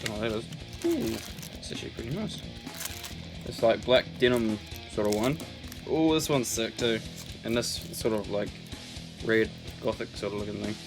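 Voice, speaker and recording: A young man filming a casual unboxing vlog, excitable and swearing a lot, with loud bursts of delight. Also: on the low side, normal speed, long pauses. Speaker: vlogger. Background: music.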